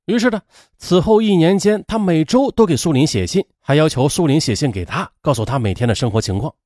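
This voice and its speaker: A man telling a story in a lively, folksy way with drawn-out fillers. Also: a little high, dry recording, clean studio sound. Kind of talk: storytelling narration.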